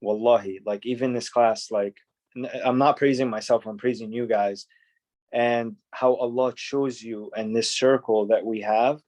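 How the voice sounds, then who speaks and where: A man's voice: mid-range voice, fairly even intonation, moderate pace, a little mellow. A man teaching a class on a video call, earnest and encouraging, often repeating words.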